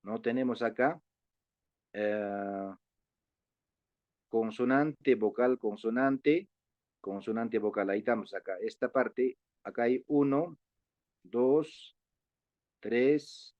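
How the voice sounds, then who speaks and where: A man's voice: medium pitch, takes it slowly, long pauses, dry recording. A man teaching an online class, patiently spelling out syllables with many filler sounds. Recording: dull, lo-fi online class audio.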